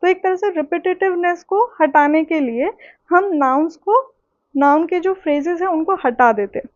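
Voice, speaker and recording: A woman's voice: extremely high pitch, dry recording, dull audio. A woman teaching literary and linguistic terms for an exam, explaining step by step and often checking that listeners follow. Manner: explains step by step, mixing Hindi and English; slow, deliberate delivery with checking asides. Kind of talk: exam-prep lecture.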